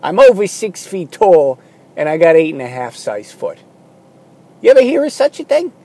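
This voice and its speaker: Rambling self-deprecating man, lively voice. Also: moderate pace. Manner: self-deprecating, swings from loud bits to low mumbling asides. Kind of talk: rambling comic monologue.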